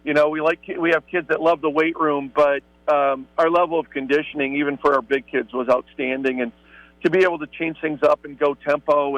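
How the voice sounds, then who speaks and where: A man, a high school football coach, talking upbeat and rambling in a sports radio interview. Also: fairly bright tone, no echo. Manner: upbeat, rambling, repeats words. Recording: muffled phone line.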